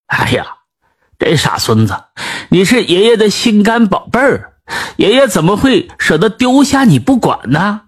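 Brief: man reading a kindly old grandfather in a folk tale, husky, fond and talkative. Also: high-pitched, big pitch swings, a little slow, pitched above the performer's own voice, exaggerated voice.

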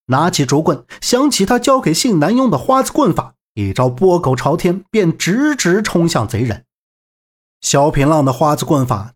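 A man narrating a martial-arts audiobook with lively storytelling. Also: a little high, slightly rough.

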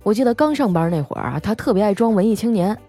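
Woman, podcast host, chatty teasing comic storytelling, lively, soft music underneath. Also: mid-range voice, fast talker.

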